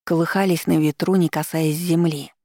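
A woman narrates an audiobook in first person with calm, even storytelling. Her voice is low and mellow. The recording is dry, with no room sound. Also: normal speed, no echo.

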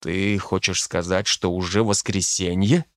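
A man's voice: lowish voice, dry recording, clean studio sound, natural voice. Man voicing a sullen, curt teen boy. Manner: flat, slow, curt. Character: sullen, tired teenage boy, tough street fighter inside. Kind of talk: audiobook character voice.

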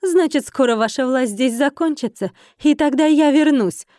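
A sharp-tongued, scornful young woman from a fantasy audiobook, read by a woman, her voice lifted high and pushed loud. She snaps her words out curtly and mockingly. The recording is dry and close. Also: normal speed, dry recording, lightly acted. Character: haughty scornful young woman, innkeeper's daughter.

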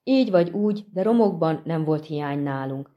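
A woman voicing a chatty, grateful middle-aged peasant man in an audiobook, talking in a folksy, animated way. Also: low-pitched, lo-fi sound. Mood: earnest. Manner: folksy, animated, respectful to his master. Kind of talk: audiobook reading.

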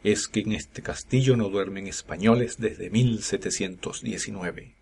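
Grim old carter in an audiobook, read by a man, low and husky. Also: a little mellow, close to an everyday voice. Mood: gloomy. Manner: hoarse, gloomy and slow. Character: gruff old male Scottish cart driver.

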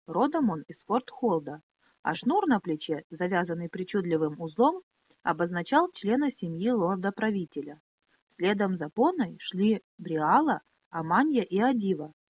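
Brief: woman audiobook narrator, lively intonation, close dry studio sound. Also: on the low side, breathy edge, no echo. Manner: expressive, animated.

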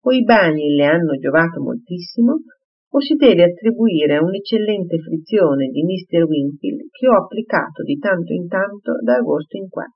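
A reader voicing a gentle, earnest young mother in an audiobook, reassuring her father. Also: lowish voice, lively intonation, moderate pace, breathy edge. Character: gentle devoted young mother, anxious daughter. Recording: slightly muffled recording.

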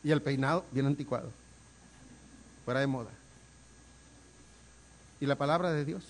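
A man preaching a sermon as pastor, swinging from quiet asides to loud, emphatic calls and repeating words for emphasis. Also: medium pitch, normal speed.

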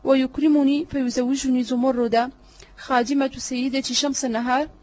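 A woman voicing a cunning, flattering male servant in an audiobook drama reading, obsequious and sly. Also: sits high, moderate pace, slight background noise, natural voice.

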